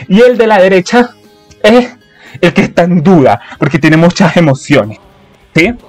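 A man with a Colombian accent hosting a reaction video, talking excitedly and exclaiming at his viewers. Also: high-pitched, measured pace, faint music behind. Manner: animated, exclamatory, chatty with viewers.

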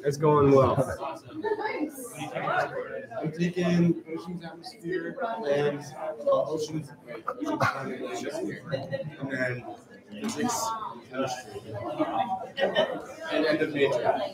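A young man chats offhandedly about his course load, heard from a distance in a roomy hall. The voice is slightly high, with loud crowd chatter all around. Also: lively intonation, takes it slowly, long pauses. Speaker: student in the audience. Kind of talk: casual small talk.

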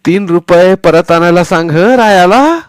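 A man voicing a kind, trusting old village grandmother who is hard of hearing and talks slowly and loudly. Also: high-pitched, no echo, studio quality, voice pushed up. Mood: fussing. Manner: slow, loud, drawn-out and fussing.

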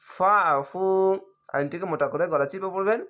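A man with a somewhat high voice leads a recitation lesson. He chants each word in long, drawn-out syllables, then breaks off to explain the reading rules in brisk, plain speech. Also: sharp tone. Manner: drawn-out chanting of words between quick explanations. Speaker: Quran reading teacher. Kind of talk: slow spelled-out recitation lesson.

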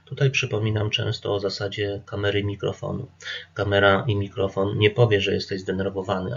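A man, an addiction therapist, calmly explaining group therapy rules straight to the listener in an instructive presentation. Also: fairly low pitch, gravelly, breathy edge, highs cut off. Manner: calm, instructive, addresses listener directly. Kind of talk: talking-to-camera presentation.

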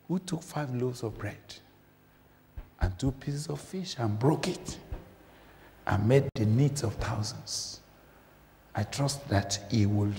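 A man's voice: mid-range voice, slight background noise. Impassioned male preacher in a reverberant church. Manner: impassioned, swings from loud to hushed. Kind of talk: sermon.

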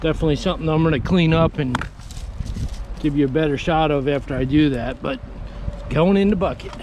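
Magnet fishing from an old railroad bridge, a vlogger in his forties chats upbeat to his viewers a little fast, his voice sitting a bit high. His wearable action camera records casual narration along with plenty of outdoor background noise.

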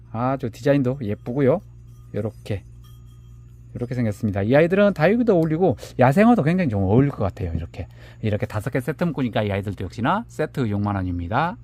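A man presenting handmade succulent pots for sale, measuring each one aloud and calling the pots "little ones" in a gentle, unhurried way. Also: medium pitch, sing-song. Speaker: seller of handmade plant pots. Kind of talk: product showcase live sale.

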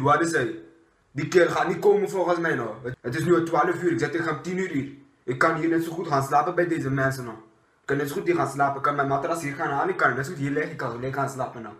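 A man's voice: fairly high pitch, a bit bright, close to an everyday voice. A young man playing a fed-up Surinamese-Dutch burglar in a comedy sketch, indignant and repetitive, with a Surinamese Dutch accent. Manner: indignant, repetitive, tag word at sentence ends. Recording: roomy echo of a bare room.

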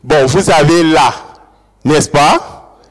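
A man's voice: a little high, slow pace. A man giving an academic lecture, explaining and repeating key words and checking with his audience whether they follow. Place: large lecture hall. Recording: long hall reverb.

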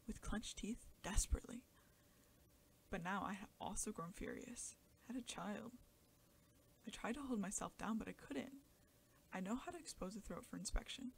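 A woman's voice: mid-range voice, gravelly, a little hiss or hum. A woman reading a classic short story aloud in an intense, often half-whispered dramatic style. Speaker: audiobook narrator. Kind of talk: scripted story narration.

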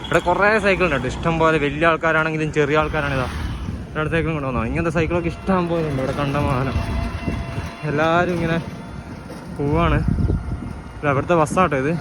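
A Malayali cycle-touring vlogger narrates casually while riding on the road, pointing out sights as he goes. He speaks fast with frequent pauses, in a fairly high voice with fairly even intonation. Traffic and wind make the outdoor recording noisy.

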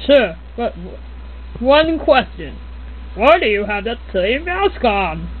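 A man voicing a bank teller in an amateur comedy cartoon, with snippy, drawn-out politeness. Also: extremely high pitch, sing-song, narrow, tinny audio, heavily acted. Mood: snippy, unhurried.

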